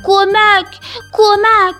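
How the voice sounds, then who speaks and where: A naive little storybook goldfish speaks in a very high, thin, childlike squeak, put on by a woman narrator. The words come slow and drawn out, wide-eyed and innocent. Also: steady tone, soft background music. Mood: panicked. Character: small scared little female goldfish, curious and naive.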